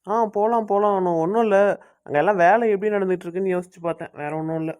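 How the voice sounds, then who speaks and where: A man playing a high-voiced easygoing young husband. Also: steady tone, very fast, a little mellow, natural voice. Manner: easygoing, talkative. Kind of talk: amateur family drama acting.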